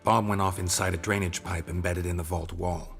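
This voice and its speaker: Geralt, a terse monster hunter. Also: male voice, low-pitched, fairly even intonation, a little fast, vocal fry, soft background music. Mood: dry. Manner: terse, dry and clipped. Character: gruff middle-aged male monster hunter. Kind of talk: video game dialogue.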